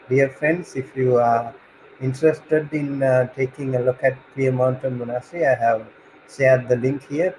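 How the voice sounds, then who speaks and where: A man hosting an online Buddhist session, speaking unscripted and courteously, with very frequent hesitations. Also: mid-range voice. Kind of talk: unscripted, courteous closing remarks. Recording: hissy, clearly noisy background.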